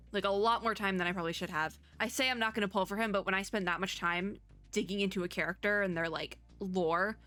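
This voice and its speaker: A VTuber and reaction video host talks casually to gamers from her home computer setup indoors. With a sharp-toned, mid-range voice, she's chatty and rambling, showing a playful kind of exasperation.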